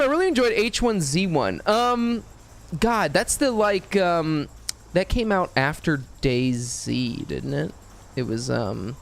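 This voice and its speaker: A male gaming streamer rambles casually on a desk mic. He hesitates, leans on fillers and curses at the game. His voice sits a bit above the usual male range and swings up and down a lot. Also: a little high. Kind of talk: casual live-stream chat while gaming.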